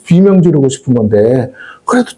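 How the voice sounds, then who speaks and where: A middle-aged man preaching a fervent sermon as a pastor, rising to shouts and asking his congregation questions. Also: mid-range voice, big pitch swings, fairly quick.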